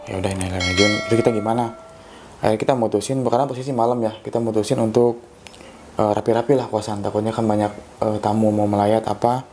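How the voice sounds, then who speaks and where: A young man with telling a ghost story in a casual, loose way, often pausing with hesitations. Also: lowish voice, steady tone, warm tone, faint music behind. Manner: loose and rambling, with frequent hesitations. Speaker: guest storyteller.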